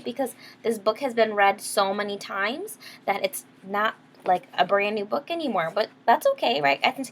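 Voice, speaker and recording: A storytime reader, a teacher, shares a picture book with little kids, explaining simply and pausing for questions. Her mid-range voice is slightly bright, with a faint hiss or hum in the recording.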